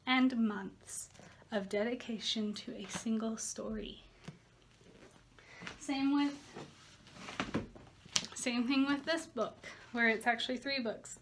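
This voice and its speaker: A woman's voice: a little high, fairly bright tone, slight background noise. A woman, a part-time teacher, talking casually to camera in a candid, slightly rambling way, correcting herself as she goes. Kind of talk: casual vlog chat to camera. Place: home video studio.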